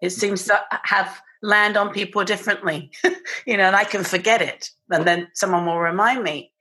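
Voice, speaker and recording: On a podcast, a female guest from England speaks with a British accent in a medium-pitched, husky voice that is pushed and bright, steady in tone and moderate in pace. She comes across as thoughtful, searching for words and restarting mid-phrase as she reflects.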